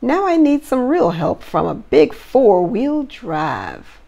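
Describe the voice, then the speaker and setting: Woman reader as old jolly Santa, worried and flustered, slow storybook delivery with lively swings. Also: fairly high pitch, creaky, muffled recording, exaggerated voice. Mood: worried, upset. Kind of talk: children's storybook read-aloud.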